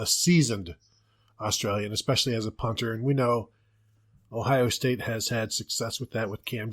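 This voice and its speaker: A man with an American accent hosting a casual sports podcast, joking and rambling through asides. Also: medium pitch. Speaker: podcast host.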